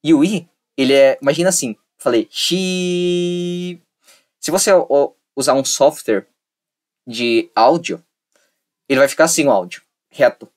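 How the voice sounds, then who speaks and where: A man's voice: mid-range voice, expressive, normal speed. Playful man explaining a lesson. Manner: repetitive, playful, acts out little dialogues. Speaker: online tutor.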